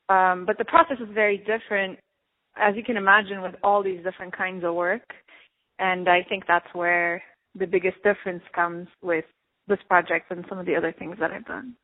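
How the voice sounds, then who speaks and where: A woman from Turkey, an artist, answering interview questions in a reflective, casual way with many fillers and light laughs. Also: lowish voice. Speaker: artist and guest. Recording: narrow phone-like sound.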